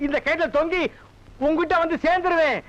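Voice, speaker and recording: A shrill, fussy village dad. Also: male voice, steady tone, fairly quick. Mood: melodramatic. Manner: loud, melodramatic and scolding. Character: fussy, theatrical village father, middle-aged man. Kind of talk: Tamil film comedy acting. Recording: dull lo-fi film soundtrack.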